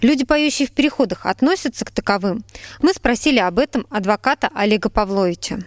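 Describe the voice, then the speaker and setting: A woman's voice: fairly high pitch, lively intonation, quick pace, no room sound, studio quality. A woman hosting a radio talk show, asking questions in a conversational style. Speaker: radio host.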